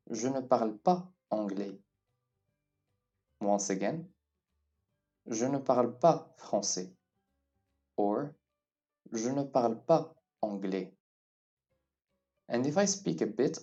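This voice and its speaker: A man's voice: medium pitch, warm tone, muffled recording. A man teaching a beginner French lesson, patiently saying each phrase and then repeating it. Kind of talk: slow beginner language lesson. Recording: distant mic with faint background music.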